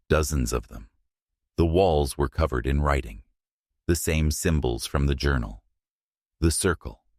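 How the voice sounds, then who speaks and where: A man narrating a scripted horror story in a hushed, suspenseful manner, in short, measured phrases. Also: rumbling low, no room sound, studio quality.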